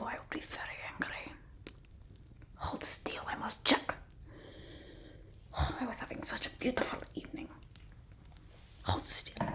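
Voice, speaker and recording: In a breathy ASMR roleplay that's mostly whispered, a woman plays a haughty, fussy vampire mistress scolding her human familiar. Her soft whisper sits high in a full character voice, slow and imperious, complaining fussily with drawn-out words.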